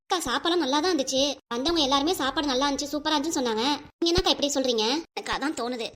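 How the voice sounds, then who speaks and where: A woman voicing a caring younger sister-in-law in a cartoon, loud and fussing with concern. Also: high-pitched, racing.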